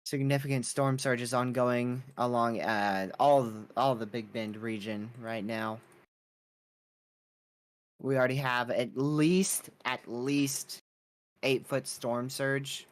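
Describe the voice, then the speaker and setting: Male weather stream host, mid-pitched voice, casual and unscripted live storm updates. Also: steady tone, takes it slowly.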